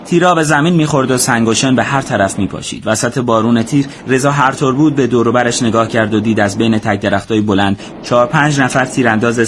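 Steady male audiobook narrator. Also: mid-range voice, slight background noise. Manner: steady, measured storytelling.

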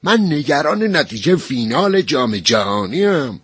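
A man voicing an excitable young male soldier obsessed with football, talking in loud, excited bursts. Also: fairly high pitch, slightly rough, no room sound, pitched above the performer's own voice, heavily acted.

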